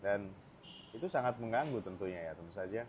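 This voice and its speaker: A deep-voiced man chats easily to his viewers outdoors, hosting a mental health talk in a loose, filler-heavy way. Faint outdoor ambience hangs under his voice. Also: fairly quick, slight background noise. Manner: relaxed, chatty, with frequent fillers and asides. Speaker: mental health channel host. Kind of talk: casual talk to camera. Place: outdoors in sunlight.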